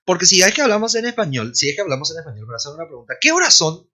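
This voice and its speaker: Male English teacher, bright, clear tone, patient explainer who repeats phrases slowly. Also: on the high side, very animated. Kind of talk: online lesson explanation.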